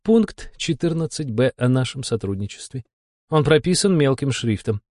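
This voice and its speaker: Husky female demon boss, put on by a man, high-pitched, mocking, bossy, audiobook voice, dry sound. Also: animated, normal speed, darkish tone, no echo, natural voice. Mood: irritated mocking. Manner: irritated, mocking, drawling. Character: weary sarcastic female demon supervisor, bossy. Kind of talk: audiobook character voice.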